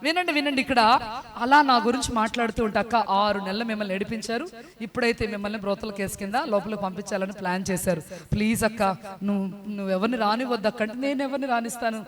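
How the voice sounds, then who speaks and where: A woman's voice: medium pitch, fairly even intonation, quick pace, crowd noise. A woman giving an earnest, fervent spoken testimony about her faith, sometimes asking her listeners questions. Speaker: church member giving testimony.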